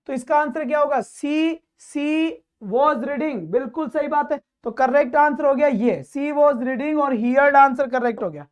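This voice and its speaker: High-voiced male exam-prep teacher. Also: dull audio. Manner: quizzes students and calls them "beta"; explains English grammar in Hindi with English terms. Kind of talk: online exam-coaching lesson.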